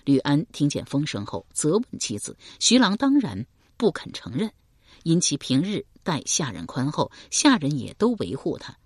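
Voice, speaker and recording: A woman narrating a historical mystery novel in a steady, measured storytelling voice. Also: deep voice, breathy edge, no room sound, studio quality. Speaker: audiobook narrator.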